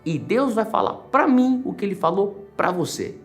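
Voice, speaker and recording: A man's voice: high voice, sing-song, normal speed, soft background music, voice pushed up. A man voicing a stern, blunt older male pastor who fires probing questions at a newcomer. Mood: firm.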